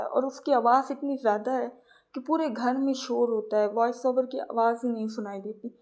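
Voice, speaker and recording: A woman telling funny everyday stories as a casual vlog voice-over, chatty and lively when she acts out others. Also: on the high side. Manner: chatty, animated when acting out the children. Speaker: vlogger.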